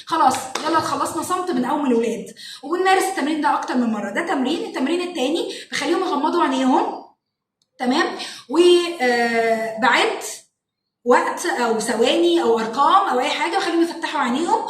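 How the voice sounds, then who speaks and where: An Egyptian woman, a parenting educator and show host, explaining classroom activities to parents in an animated way and acting out what children say. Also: sits high, fast talker, slight background noise. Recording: echoey room, mic at a distance.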